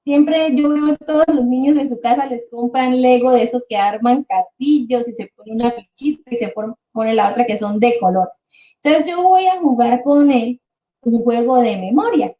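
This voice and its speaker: A female speech therapist presents a webinar to parents and teachers, explaining things patiently and slowing down to model words as she would for children. Her voice is fairly high and mellow.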